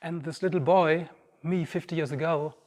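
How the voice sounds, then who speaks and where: A man's voice: a little high, fairly even intonation, moderate pace, darkish tone. A man giving a reflective, personal inspirational talk on stage, speaking directly to the audience. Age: 50s. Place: large auditorium stage. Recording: long reverb of a large hall.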